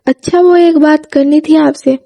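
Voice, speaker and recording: A gentle, hesitant young woman who speaks politely and a little shyly, voiced by a woman narrating. Her voice is high and mellow. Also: fairly even intonation, a little slow, creaky.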